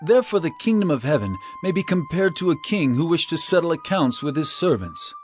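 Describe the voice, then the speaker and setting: High-pitched, animated Jesus, teaching over music. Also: male voice, fairly quick. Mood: solemn storytelling. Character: Jesus, earnest male teacher telling solemn parables. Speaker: voice actor in dramatized scripture. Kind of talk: dramatized scripture reading.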